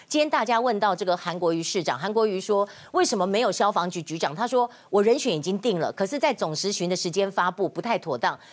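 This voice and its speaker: A woman with a Taiwanese Mandarin accent who gives solo current-affairs commentary. She talks with indignation, fires off rhetorical questions, and drops in Hokkien words. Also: mid-range voice. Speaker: political commentator.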